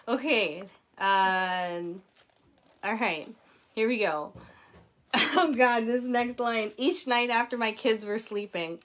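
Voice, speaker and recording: This audiobook reading comes from a woman author in a somewhat high, fairly bright voice, recorded at home with kids around. She frequently laughs and drifts into casual asides about herself.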